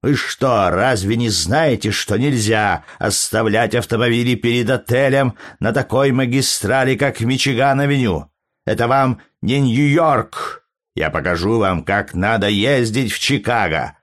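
Big bellowing policeman as a male reader puts him on, gruff and scolding, storybook. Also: medium pitch, unhurried, fairly bright tone, lightly acted. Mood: angry. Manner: blustering, scolding.

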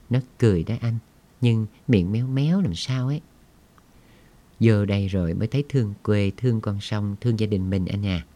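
A man reading a story aloud in a slow, somber storytelling manner. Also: lowish voice, mellow. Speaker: audiobook narrator.

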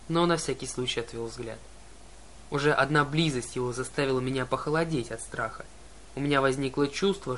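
A man's voice: on the high side, a little hiss or hum. A man reading a story aloud in first person as an audiobook narrator. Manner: reads the story in first person and voices every character himself. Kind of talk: scripted narration.

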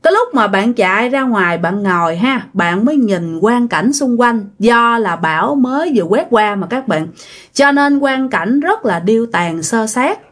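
A woman's voice: fairly high pitch, animated, moderate pace. A woman telling a ghost story in a chatty, folksy way. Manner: chatty, folksy, acts out quoted voices. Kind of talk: casual ghost story narration.

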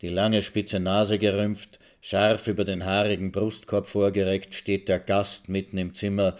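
A man reading a short story aloud for radio in a measured narration. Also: low voice, flat delivery. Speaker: radio reader.

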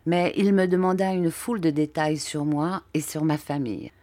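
A woman reading a classic novel aloud as an audiobook narrator, in a clear, even storytelling manner. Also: low voice, normal speed, no echo. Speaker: audiobook reader.

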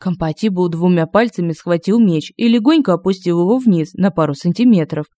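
A woman reading a humorous fantasy audiobook in an even, measured way. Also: fairly low pitch, no room sound, clean studio sound. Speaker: audiobook narrator.

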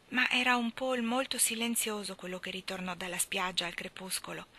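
A woman reads a novel aloud as audiobook narration. Her tone is bright and her storytelling calm and measured. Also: medium pitch. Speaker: audiobook reader.

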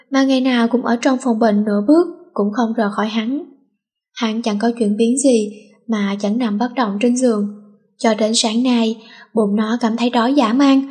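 A woman reading a teen novel aloud in a steady, plain storytelling manner. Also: on the high side.

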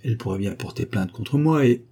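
A capricious young actress, voiced by a man in an audiobook, coaxing and questioning. The voice stays dark and a touch husky, lifted only slightly above his plain reading voice. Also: lowish voice, lively intonation, a little fast. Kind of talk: audiobook character voice.

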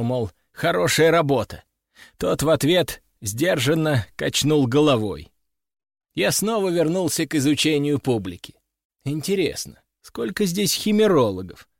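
A man's voice: a little high, vocal fry, dry recording. Man narrating an audiobook, dry close sound. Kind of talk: first-person audiobook narration.

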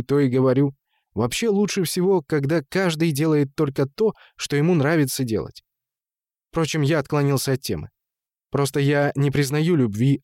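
Male narrator, mid-pitched, measured literary read, dry booth. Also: a little mellow, dry recording.

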